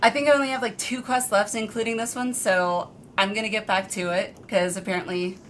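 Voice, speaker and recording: A woman's voice: mid-range voice, steady tone, brisk, fairly bright tone, a little hiss or hum. A woman live streamer chatting casually with her viewers in an informal, rambling, self-deprecating way. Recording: music behind the voice. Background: background music.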